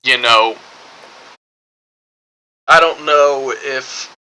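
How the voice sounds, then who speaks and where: A man's voice: mid-range voice, very slow, pushed and bright, clean tone, poor audio. A man giving casual, rambling game commentary, hedging often and circling back over his points. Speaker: gaming streamer.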